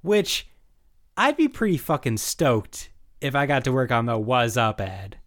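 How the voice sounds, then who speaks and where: A man's voice: mid-range voice, big pitch swings, unhurried, fairly bright tone. A young man co-hosting a podcast in a casual, informal recap chat, given to swearing and paraphrasing dialogue. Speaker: podcast co-host.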